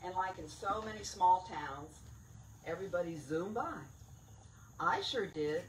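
A woman's voice: fairly low pitch, lively intonation, measured pace, a little hiss or hum. Chatty older woman speaking outdoors. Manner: chatty, digressive, stresses key words. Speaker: cave director giving a talk. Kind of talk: informal public talk. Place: outdoor event under a tent near woods. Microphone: stand mic at a lectern. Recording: roomy outdoor sound from a distant camera.

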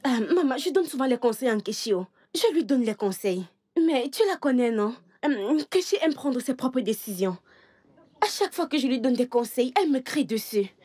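A woman's voice: high voice, lively intonation, moderate pace, a little mellow, slightly rough. A young woman dubbing a timid village woman who answers meekly and defends herself, in a French film dub. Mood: defensive. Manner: meek, defensive. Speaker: dubbing actor.

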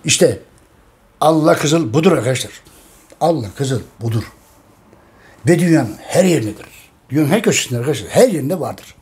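A man's voice: fairly high pitch, animated, moderate pace, pauses often, a little mellow. A Turkish man giving a casual, repetitive monologue on history to his viewers, often calling them friends. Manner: repetitive, addresses listeners as friends, emphatic. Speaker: history channel host.

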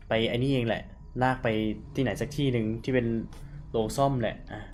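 A man's voice: medium pitch, fairly even intonation, a little fast, a little mellow, slight background noise. Chatty man streaming a horror game. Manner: chatty, paraphrasing game dialogue aloud with fillers. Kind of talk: casual live-stream chat.

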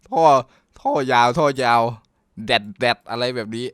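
Excitable man narrating his gameplay. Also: medium pitch, measured pace, clear, resonant tone, no echo, studio quality. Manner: excitable, joking, talks to viewers while playing. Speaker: gaming YouTuber. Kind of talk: casual gameplay commentary.

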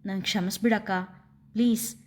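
A woman's voice: mid-range voice, fairly even intonation, fairly quick, lightly acted. A woman voicing a young daughter who speaks hard and bitter to her parents. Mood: pleading.

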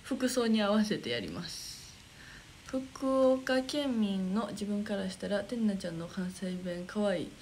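A woman's voice: mid-range voice, animated, a little slow, a little mellow, slight background noise, low-quality recording. A young woman with a Kansai accent chatting casually on a livestream, reading viewer comments aloud, giggling often and muttering to herself while she searches for the next one. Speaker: idol livestream host.

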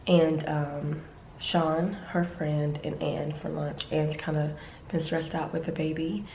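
A woman's voice: deep voice, level tone, takes it slowly, gravelly, darkish tone, reverberant, a little hiss or hum, rough recording. A woman and mother chatting casually to the camera in a home vlog, rambling with lots of fillers. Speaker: family vlogger and mother. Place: at home indoors.

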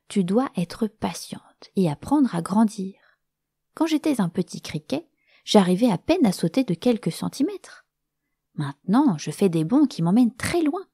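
A woman reading a children's storybook aloud, voicing a kind, encouraging male cricket with lively, high, coaxing exclamations. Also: breathy edge, no room sound, studio quality, heavily acted.

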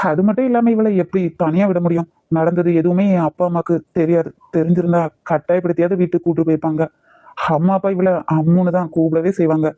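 A man's voice: fairly high pitch, mellow, no room sound, lightly acted. A man voicing an earnest young man in a cartoon, with a Kanyakumari Tamil accent. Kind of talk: cartoon voice acting.

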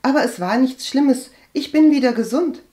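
A woman's voice: high-pitched, lively intonation, normal speed, dark tone, pitched above the performer's own voice. A woman reading an audiobook and voicing an earnest, hot-tempered young woman healer who speaks in a heated, reproachful way. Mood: reassuring. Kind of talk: audiobook character voice.

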